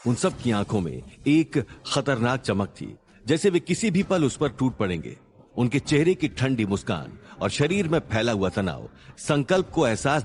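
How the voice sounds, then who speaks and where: A man narrating a suspense story in a dramatic style. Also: mid-range voice.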